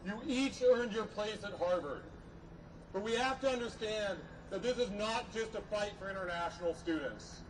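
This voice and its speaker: A middle-aged man giving a podium speech as a professor at a rally, earnest, measured and emphatic. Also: high voice. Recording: distant mic, noisy outdoor rally.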